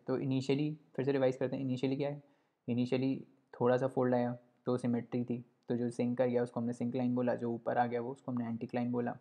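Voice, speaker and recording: A man teaching a lesson in a relaxed, conversational way, often stopping to check that the listener follows. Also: medium pitch. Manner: conversational, repeats "ठीक है" often, checks understanding. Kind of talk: explanatory lesson while drawing. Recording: dull lo-fi recording.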